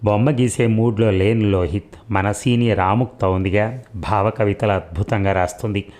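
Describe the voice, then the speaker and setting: A man voicing a calm young male art student in an audiobook story. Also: lowish voice, normal speed, close to an everyday voice.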